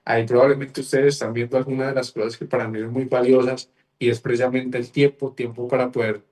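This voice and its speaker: A young man, making an earnest, persuasive business pitch to viewers with repeated phrases. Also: little pitch movement, fast, darkish tone, far from the mic. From Colombia. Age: 20s. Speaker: business opportunity presenter.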